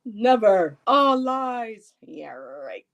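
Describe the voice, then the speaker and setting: A woman in her fifties hosts a live stream, chatting casually with a friend, reading viewer comments aloud, rambling and laughing often. Her voice is a little high and sing-song, and she speaks very slowly.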